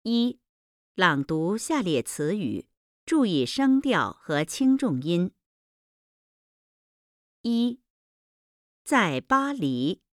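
Very slow, deliberate woman reading drills. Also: lowish voice, sing-song, no room sound, clean studio sound. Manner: deliberate, carefully enunciated word by word. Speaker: language lesson reader.

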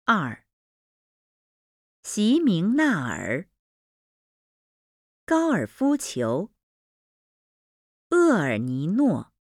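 Slow, deliberate female lesson reader. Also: fairly low pitch, wildly swooping pitch, no echo, clean studio sound. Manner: deliberate, clearly enunciated drill reading. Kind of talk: slow, careful textbook reading.

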